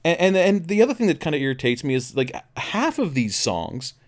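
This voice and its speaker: A man's voice: a little high, big pitch swings, a little fast. Rambling man in his forties. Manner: rambling, many fillers and restarts. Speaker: podcast co-host. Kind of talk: casual chat.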